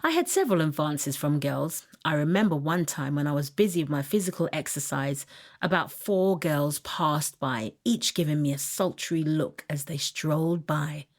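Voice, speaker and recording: Lower-voiced woman telling a memoir. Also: moderate pace. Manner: expressive, lifts pitch sharply on tense moments; now and then laughs softly while telling. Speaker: audiobook narrator. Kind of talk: first-person memoir narration.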